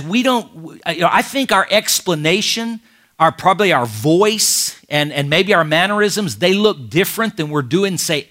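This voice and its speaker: A man teaching pastors how to preach, in an animated and emphatic lecture with frequent restarts. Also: on the high side. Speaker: preaching instructor.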